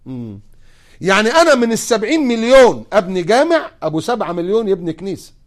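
A male preacher with an Egyptian accent delivers a sermon at a rapid clip. His voice is a little higher than most men's and rises and falls sharply. He fires off sarcastic, mocking rhetorical questions. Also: big pitch swings. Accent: Egyptian Arabic.

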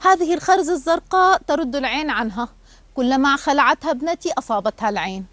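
A fretful, superstitious mother who frets and pleads, as a woman narrator puts her on. She is heard in a radio story, speaking quickly in a dry, close voice. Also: sits high, lively intonation, fairly bright tone, no echo, voice pushed up. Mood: anxious. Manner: worried, pleading.

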